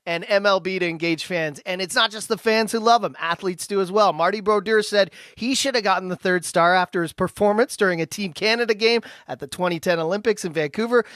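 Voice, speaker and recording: A man with a notably high speaking voice hosts the show, reading a prepared introduction in a measured way before moving into questions. The recording is very dry and close, with no room sound around him. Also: a bit bright, dry recording. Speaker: podcast host. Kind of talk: scripted intro and interview questions.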